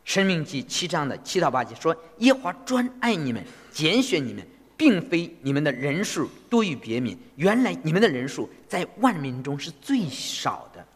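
Guy interpreting a sermon line by line, lively swooping pitch, echoey church. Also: normal speed, hardly any pauses, slightly rough. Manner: animated, phrase-by-phrase interpreting. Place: church hall. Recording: long reverb of a church hall.

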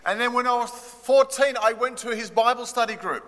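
Pastor guy in his 60s, high bright voice, short pauses for the translator, echoey church hall. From Australia. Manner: measured, pausing for translation. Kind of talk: sermon with line-by-line interpreter. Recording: long reverb of a church hall.

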